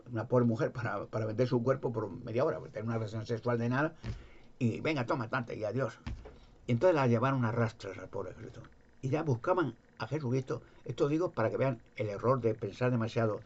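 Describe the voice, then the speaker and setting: This Spain-accented man tells a gospel story informally, wandering and repeating in a folksy way. He has a mid-range voice with a darkish tone, and the recording is muffled.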